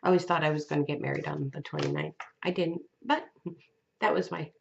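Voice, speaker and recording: A woman giving a weekly tarot reading in a gentle, unhurried way, with fillers and restarts. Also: sits low, fairly even intonation, vocal fry, dull audio, noisy background. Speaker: tarot reader.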